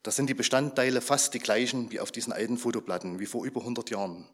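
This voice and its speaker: Speaking fast with a steady, somewhat bright mid-range voice, a slightly hoarse man who's under the weather addresses a congregation informally. His manner is chatty, and he frequently turns questions to the listeners.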